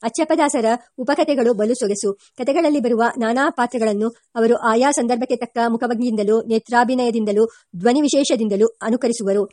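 A woman reading a memoir aloud as an audiobook, at a steady pace that slows for the verses and quoted speech. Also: fairly high pitch, no room sound, clean studio sound. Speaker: audiobook reader. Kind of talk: read-aloud memoir narration.

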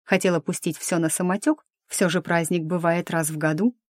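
A woman's voice: fairly low pitch, steady tone, fairly quick, no room sound, studio quality. A woman narrating a fantasy novel in the first person, wry and lightly ironic. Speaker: audiobook narrator.

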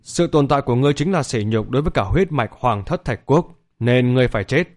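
A man voicing an arrogant young noble warrior, cold and scornful as he shouts. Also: medium pitch, animated, quick pace, natural voice.

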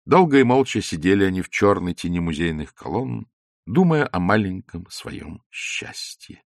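A man narrating a novel as an audiobook in a measured, expressive literary style. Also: low voice, vocal fry, no echo, clean studio sound.

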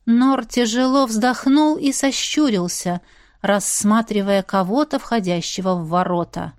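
A woman's voice: medium pitch, measured pace, a little mellow, clear, resonant tone, no echo, clean studio sound. Woman narrating an audiobook.

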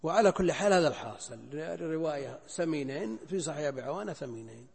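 An older man, a scholar, explaining a hadith text in a lecture. He speaks deliberately, repeating phrases and weighing options aloud. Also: fairly high pitch, expressive, creaky. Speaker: Islamic scholar teaching hadith. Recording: lecture hall with long reverb.

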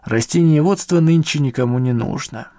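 A man's voice: moderate pace, mellow, no echo, clean studio sound, close to an everyday voice. A man voicing a grumbling, rueful elderly male professor in an audiobook, with a complaining, defensive manner. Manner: grumbling, complaining, raised pitch over the reader's own. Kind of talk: audiobook character reading.

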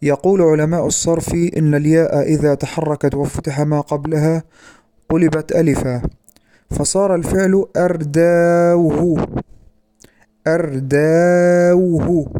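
A man giving a formal academic lecture in a measured way, slowing down to spell out example words with care. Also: fairly high pitch, warm tone, a little hiss or hum. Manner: measured, slows down to pronounce example words carefully.

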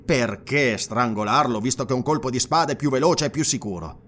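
A man voicing a shrewd, calm male inquisitor who questions and reasons in a probing, measured way in an audiobook. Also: medium pitch, natural voice. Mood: musing.

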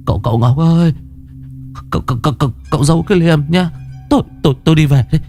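A man's voice: a little high, fast, warm tone, soft background music, voice pushed up, close to an everyday voice. A man voicing a cowardly accomplice who stammers in a panicky way. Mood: panicked.

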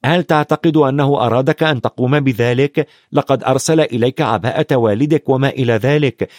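A man's voice: medium pitch, a little fast, a little mellow, dry recording, clean studio sound, natural voice. A man voicing a loyal, blunt schoolboy in an audiobook, with an eager, chatty delivery. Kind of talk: audiobook character voice.

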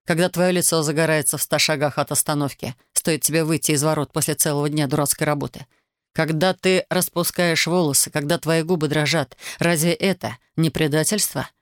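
An ardent young soldier, read by a woman, who presses hard and broods, his voice pitched somewhat low. The recording is dry and close, with no room sound. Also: steady tone, a little fast, dry recording, natural voice. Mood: pressing. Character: young man, ardent soldier, intense and bitter.

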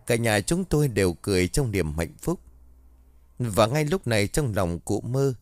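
A man narrating a first-person ghost story in a dramatic, expressive way. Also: fairly low pitch, dry recording.

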